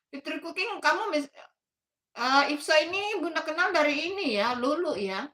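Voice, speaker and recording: A woman in her fifties with a Makassar Indonesian accent hosts a casual phone livestream from her bedroom. Her voice sits high and sounds bright and forward. She reads out viewer comments in a chatty, motherly way and often laughs between remarks. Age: 50s. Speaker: livestream host. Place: bedroom at home.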